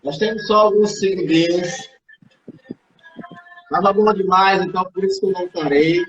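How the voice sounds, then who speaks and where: A man's voice: sits high, moderate pace, a bit bright, dull audio, faint music behind. A man with a Brazilian accent hosting and closing a live religious broadcast, blessing and thanking viewers. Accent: Brazilian Portuguese. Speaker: host.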